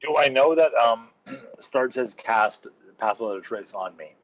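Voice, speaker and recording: A man describes his moves in a tabletop game, stopping to check the rules as he talks. His voice sits at an ordinary mid pitch. The sound is a little dull and lo-fi. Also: a little slow. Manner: thinks aloud, checking rules mid-sentence. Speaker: player. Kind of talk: casual tabletop game chat.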